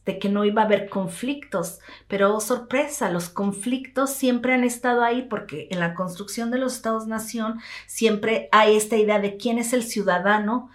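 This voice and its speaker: Woman, Mexican Spanish accent, medium pitch, interview guest, explanatory conversational delivery, occasional English words, tag questions.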